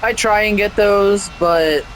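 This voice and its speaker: A man's voice: high voice, slow pace, fairly bright tone, slight background noise. A young man casually commenting while playing a flight game, rambling and chatty with frequent restarts. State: hiccups. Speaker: gameplay streamer.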